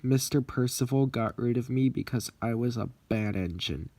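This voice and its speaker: A man's voice: mid-range voice, moderate pace, a little mellow, no echo, natural voice. A man doing a glum, sulky steam engine.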